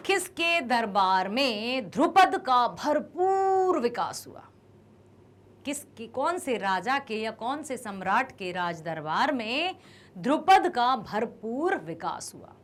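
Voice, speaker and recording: A woman teacher going through quiz questions with students, asking questions, praising their answers and stressing careful pronunciation. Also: fairly high pitch. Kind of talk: Hindi quiz lesson for students.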